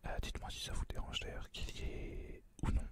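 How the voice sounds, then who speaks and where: Close ASMR whisper, right in the ear. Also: brisk. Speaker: host of a gaming channel. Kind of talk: whispered ASMR gaming commentary.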